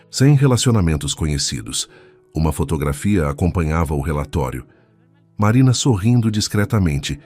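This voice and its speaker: A man narrating a scripted dramatic story in a measured way. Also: low-pitched, a little mellow, slightly rough.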